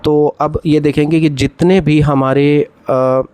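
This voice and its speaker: A man teaching English literature, explaining poetic devices step by step, reading poem lines aloud slowly and often checking that students follow. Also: on the high side, little pitch movement, a little mellow, smooth. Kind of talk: classroom lecture on poetic devices.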